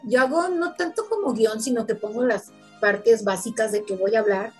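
A woman's voice: fairly high pitch, moderate pace, faint music behind. A young woman, hosting a casual podcast chat in a chatty way and laughing easily. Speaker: podcast host.

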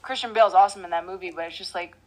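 A young woman chatting casually as a podcast co-host. She is easygoing and talkative, with lots of "like"s and quick laughs. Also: fairly low pitch, steady tone, poor audio. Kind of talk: casual chat.

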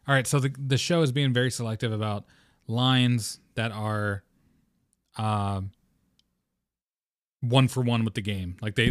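A man's voice: lowish voice, no echo. Man, podcast host, casual chat, passionate, rambling, dry close sound.

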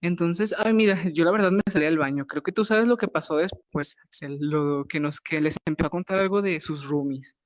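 A young adult podcast co-host with a northern Mexican Spanish accent, telling a party story in slangy, animated casual chat and acting out what people said. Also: medium pitch, a little fast, few pauses, dry recording. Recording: dull, dry lo-fi podcast audio.

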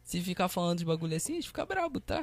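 A man's voice: high-pitched, sing-song, rapid-fire, a little hiss or hum. A young man co-hosting a podcast, chipping into casual chat with slangy interjections. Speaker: podcast co-host.

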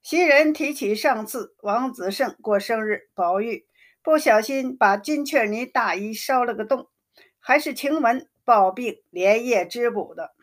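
A woman's voice: a little high, a little slow. Woman narrating a classic novel. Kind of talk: storybook reading of a classic novel.

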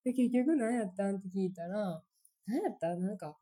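A woman's voice: medium pitch, normal speed, slightly rough. A young woman with a Kansai accent chatting casually as a podcast co-host, telling stories and acting out what people said. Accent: Kansai Japanese. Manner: lively storyteller, acts out quoted lines. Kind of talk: casual chat.

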